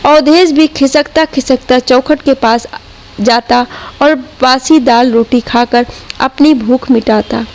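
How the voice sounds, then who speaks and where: A woman narrating an emotional family story in a steady, dramatic storytelling manner. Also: sits high, slow pace.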